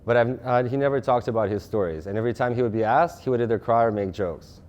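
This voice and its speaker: A man in his thirties from Russia giving a lecture presentation, talking fast, with frequent restarts and fillers. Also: medium pitch, darkish tone, lo-fi sound. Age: 30s. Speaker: guest speaker.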